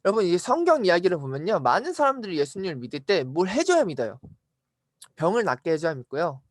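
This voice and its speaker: A woman preaching at a church education service, retelling a Bible story in an expressive way and asking the listeners questions. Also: lowish voice, fast, dry recording, clean studio sound. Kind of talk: storytelling sermon.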